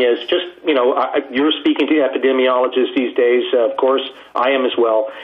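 Guy calling in on speakerphone, muffled phone sound, polite and halting, mid-pitched voice. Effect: heard over a speakerphone line. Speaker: reporter calling into a press conference. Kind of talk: press conference question. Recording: muffled phone line from home office.

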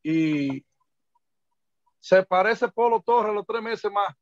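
A middle-aged man with a Dominican Spanish accent, an interview guest telling lively anecdotes and acting out the voices of people he quotes. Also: sits high, slow, no room sound. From Dominican Republic. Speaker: interview guest, merengue and bachata singer. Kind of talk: casual storytelling interview. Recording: dull lo-fi dry sound.

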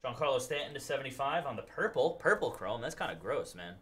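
A man's voice: medium pitch, big pitch swings, fast talker, fairly bright tone. A man in his thirties hosting a live card break in a studio, reading out cards and thanking buyers by name.

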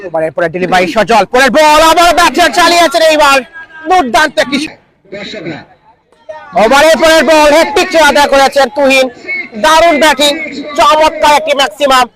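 A Bangladeshi man calls live cricket in a frantic, excited rush, his voice pitched extremely high. A clearly audible crowd sits behind him at the ground as he delivers the play-by-play. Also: brisk, low-quality recording. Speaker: cricket commentator and match announcer. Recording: loud crowd noise behind. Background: crowd at an outdoor cricket ground.

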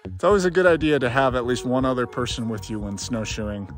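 A man giving relaxed, plain hiking advice outdoors on a snowy trail. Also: medium pitch, fairly quick. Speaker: outdoor vlogger. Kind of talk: casual outdoor explainer. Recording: music playing underneath.

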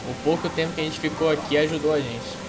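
Higher-voiced Brazilian man doing game commentary. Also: steady tone, very fast, over loud music, poor audio. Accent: Brazilian Portuguese. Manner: informal, slangy. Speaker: gamer commenting on a playthrough. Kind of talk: casual let's play commentary.

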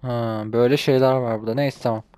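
A man's voice: medium pitch, fairly even intonation, quick pace, a little mellow, clean tone. A young man casually commenting on a game he plays, grumbling and translating the lines aloud. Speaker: gaming channel host. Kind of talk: casual let's-play commentary.

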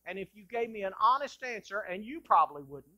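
A male pastor delivering an impassioned sermon in a church sanctuary, moving between loud bursts and hushed lines. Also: high-pitched, lively intonation, fairly quick, highs cut off.

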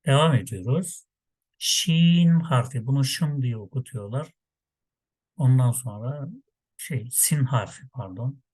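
A man teaching a Quran reading lesson, slowly sounding out letters and syllables in patient repetition. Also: mid-range voice, darkish tone, slightly rough, dry recording.

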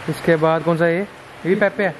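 A young man vlogging a tour of a clothing shop, briskly repeating prices back. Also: on the high side, steady tone, slight background noise, poor audio. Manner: brisk, keeps repeating prices and "theek hai ji". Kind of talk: casual shop walkthrough vlog. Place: large indoor clothing warehouse shop.

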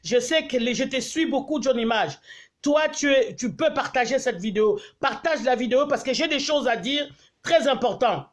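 A woman's voice: sits high, moderate pace. A Congolese woman vlogger ranting angrily on a live stream, mixing French with her native tongue and pleading repeatedly for viewers to share. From Congo (DRC). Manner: angry, repetitive pleading to share. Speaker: diaspora vlogger.

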